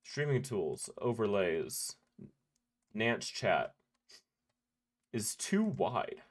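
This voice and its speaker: A man's voice: fairly low pitch, sing-song, very slow. A man streaming a game live, chatting in a laid-back, rambling way with many fillers and restarts. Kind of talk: casual live-stream chat while playing.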